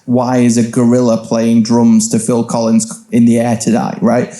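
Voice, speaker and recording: A man speaking as a panel expert at a live event, explaining briskly and swearing casually. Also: mid-range voice, monotone, mellow, reverberant. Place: event venue with live audience.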